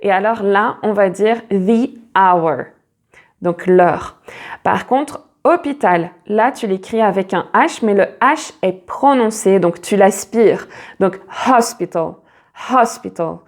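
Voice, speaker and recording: Slow, patient woman teaching English. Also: medium pitch. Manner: slow, patient, repeats English words to model pronunciation. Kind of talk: online pronunciation lesson.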